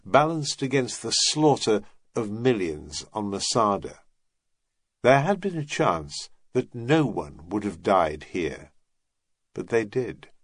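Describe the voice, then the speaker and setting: Guy reading an audiobook, slow and steady, dry close sound. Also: medium pitch, slightly rough, dry recording. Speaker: audiobook narrator. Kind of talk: scripted narration.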